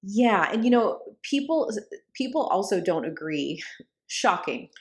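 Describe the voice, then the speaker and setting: A woman's voice: medium pitch, big pitch swings, slow pace. A woman co-hosting a podcast in casual conversation, chatty, with sarcastic asides and frequent checks that she is understood. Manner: chatty, sarcastic asides, frequent "like" and "do you know what I'm saying". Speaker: podcast co-host.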